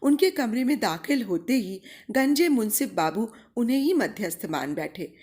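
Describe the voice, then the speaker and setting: Female narrator for a literary audio story, slightly high voice with very animated intonation. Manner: measured, expressive reading with quoted dialogue.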